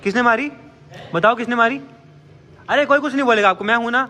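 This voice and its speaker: A man hosting a family vlog, excited and teasing as he questions everyone. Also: very high-pitched, fast. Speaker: vlogger host. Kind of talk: casual family vlog chat.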